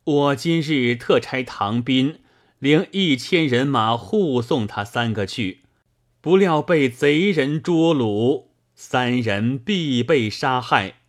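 A man's voice: mid-range voice, expressive, slow pace. A man voicing a grieving male rebel leader who speaks mournfully in a storybook reading.

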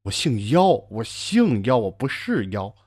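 A man voicing a timid, fawning young scholar who stammers, speaking low and hushed. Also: sing-song, unhurried, husky. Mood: meek pleading. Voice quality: low and hushed compared with the narrator. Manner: stammering, meek and pleading.

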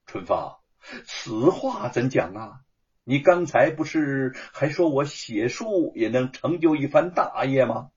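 A man's voice: a little high, big pitch swings, measured pace, slightly rough, dull audio, full character voice. A man voicing a stubborn, idealistic scholar. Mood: jovial. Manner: warm, heartfelt, stubborn. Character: Wu Cheng'en, stubborn idealistic male scholar-writer.

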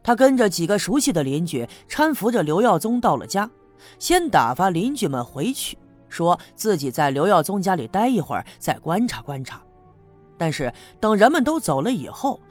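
A man tells a serialized story in a lively way. His pitch swings widely and his voice is slightly husky. Faint music plays behind him. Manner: animated, storytelling. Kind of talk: serialized audiobook narration.

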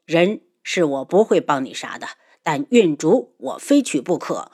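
A woman's voice: low-pitched, very animated, measured pace, mellow, slightly rough, pitched below the performer's own voice, exaggerated voice. A woman voicing a hot-headed, stubborn young man in an audiobook, earnest and defiant. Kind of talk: audiobook character voice.

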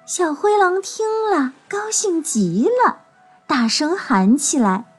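A woman telling a children's story in a gentle, expressive way. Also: high voice, slow pace, soft background music.

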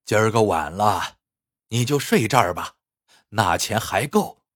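A man voicing a kind old village grandfather who speaks slowly and gently. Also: lowish voice, animated. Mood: kindly.

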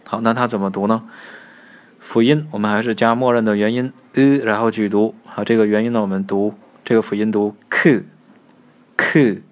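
A man teaching a Korean pronunciation lesson. He explains quickly, then slows right down to repeat each model sound several times. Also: fairly low pitch, flat delivery, darkish tone.

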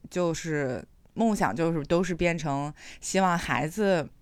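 Chatty woman with a lowish voice. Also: unhurried, clear, resonant tone, no room sound. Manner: chatty, many fillers, reflective. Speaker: podcast co-host. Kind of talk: casual chat.

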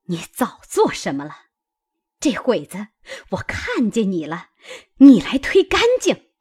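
A woman's voice: mid-range voice, wildly swooping pitch, measured pace, a little mellow, husky, exaggerated voice. A woman reading an old novel aloud and voicing a jealous young noblewoman who scolds shrilly and breaks into sobbing screams. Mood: furious.

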